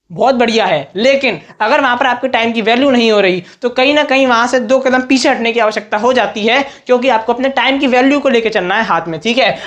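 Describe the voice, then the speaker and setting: A man's voice: very high-pitched, fairly bright tone, lo-fi sound. A young man teaching students at a whiteboard, talking in a direct, coaching way and often checking in with "okay". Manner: direct, coaching tone, frequent "theek hai" check-ins. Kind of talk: whiteboard study-tips lesson.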